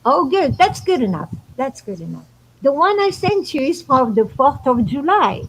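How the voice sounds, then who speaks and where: A woman's voice: high voice, sing-song, moderate pace, a little hiss or hum, rough recording. A woman from Morocco, hosting a casual astrology talk and explaining spiritual ideas earnestly. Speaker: show host.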